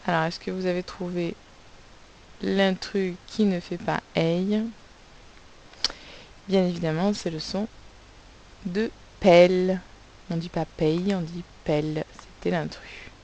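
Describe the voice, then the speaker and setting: A woman teacher giving a recorded spelling lesson for young pupils, slowly sounding out words and spelling them letter by letter. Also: fairly low pitch, fairly even intonation, darkish tone, dull audio, slight background noise. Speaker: primary school teacher.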